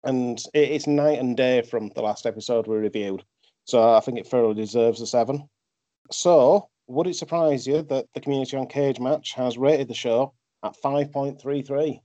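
Male podcast host, mellow, medium pitch, casual chat, dull lo-fi sound. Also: moderate pace, no room sound. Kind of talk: casual wrestling review chat. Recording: dull, dry lo-fi microphone.

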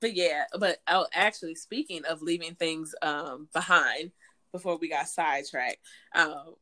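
A woman in her late twenties co-hosting a podcast in casual chat, frank and quick to laugh. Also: deep voice, sharp tone. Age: late 20s. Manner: chatty, laughs often, frank. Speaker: podcast co-host.

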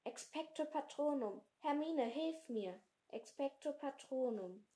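A woman's voice: sits high, lively intonation, a little slow, warm tone, voice pushed up. A woman doing a desperate teenage boy wizard crying out. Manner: cries out in rising alarm.

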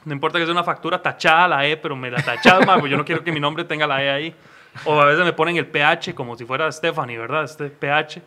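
A man's voice: fairly high pitch, steady tone, fast talker, sharp tone. A man with a Costa Rican accent co-hosting a comedy chat, ranting bluntly and swearing freely.

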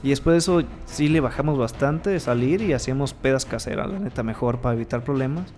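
A man's voice: mid-range voice, fast, a little mellow, faint music behind. A man with a Mexican accent in casual chat, telling a story vividly and acting out voices and sound effects. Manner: vivid storyteller who acts out quotes and sounds. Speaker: co-host telling a party story.

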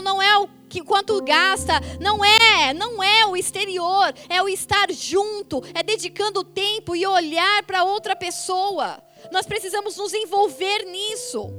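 High-voiced woman preaching with emphatic energy. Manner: animated, emphatic preaching with quick asides. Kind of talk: sermon.

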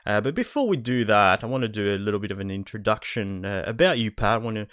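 A man's voice: lowish voice, expressive, quick pace, a bit bright, no room sound, studio quality. A man hosting a podcast in a casual, matey, complimentary chat style. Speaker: podcast host.

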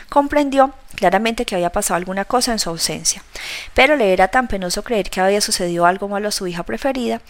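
A woman narrating a novel as an audiobook, reading in a measured, steady way. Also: mid-range voice, dry recording.

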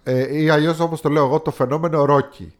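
A man's voice: fairly high pitch, steady tone. A man co-hosting a casual film-review podcast, speaking as a picky, opinionated critic who likes to mimic actors' accents. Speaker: podcast co-host.

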